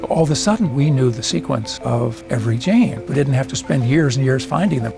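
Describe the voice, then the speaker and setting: A man's voice: medium pitch, animated, brisk, creaky. A man who is a cancer researcher, explaining his work directly in an interview. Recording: music underneath. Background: music.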